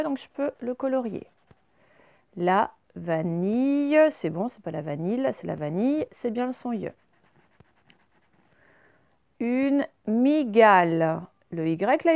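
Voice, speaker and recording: A woman teaching a recorded reading lesson to young children. She explains each word slowly and clearly, step by step. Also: mid-range voice, a little mellow, no room sound.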